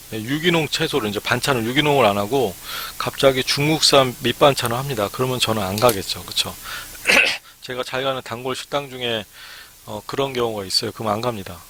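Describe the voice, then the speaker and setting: A man's voice: mid-range voice, bright, forceful tone, slight background noise. A man giving a live-streamed lecture to would-be academy owners, chatty and peppered with "ne" fillers. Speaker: academy startup consultant.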